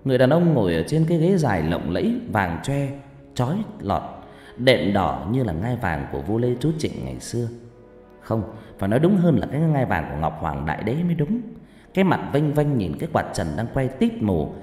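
Lively male audiobook narrator, echoing room. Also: medium pitch, brisk. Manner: lively, expressive reading. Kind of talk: storytelling narration. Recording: roomy reverberant recording, faint music.

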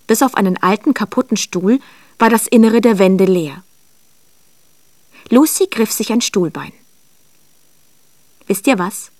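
A woman giving a scripted, expressive storybook narration in a measured way, recorded in a studio. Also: medium pitch, no room sound.

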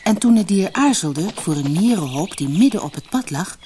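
Expressive woman reading a fairy tale. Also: fairly low pitch, moderate pace, slight background noise. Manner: expressive storytelling. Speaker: audiobook narrator. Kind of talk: fairy tale read aloud.

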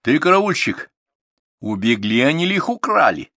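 Male reader voicing an angry curt young herder, sharp swings in pitch, blunt and tough, dry close audiobook sound. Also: big pitch swings, moderate pace, no room sound, exaggerated voice. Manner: curt, angry, shouting at times.

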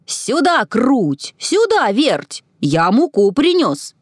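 A woman's voice: mid-range voice, big pitch swings, a little slow, no echo, studio quality. A woman voicing a hardworking little rooster in a children's storybook reading. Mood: calling.

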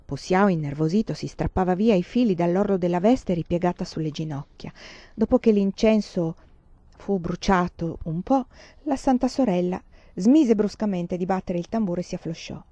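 Mellow woman reading a novel aloud. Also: fairly low pitch, no room sound. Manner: measured, expressive storytelling. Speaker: reader.

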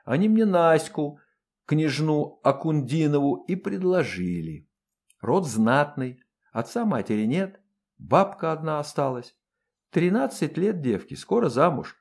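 A drawling, plain-spoken empress with a folksy, teasing manner, as a male narrator puts her on. Her voice sits a little higher than his own and lingers over words at an unhurried pace. It rises and falls in a lively way. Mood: musing. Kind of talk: audiobook character voice.

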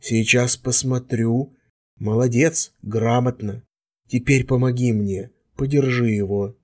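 Husky low sorceress, curt, commanding, swears when pressed, man voicing. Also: fairly even intonation, slow pace. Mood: brisk commanding.

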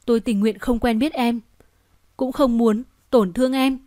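A woman reading as a remorseful young man, choked with regret, in an audiobook. He speaks subdued and pleading, in a fairly high voice with a dry, close sound. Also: fairly even intonation, normal speed, dark tone, no echo, close to an everyday voice.

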